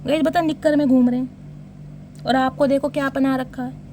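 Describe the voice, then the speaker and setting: A woman's voice: high-pitched, fairly even intonation, normal speed, mellow, a little hiss or hum. A woman giving a casual tarot reading, teasing and joking as she talks to her viewers. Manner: teasing, jokey commentary addressing viewers. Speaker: tarot reader.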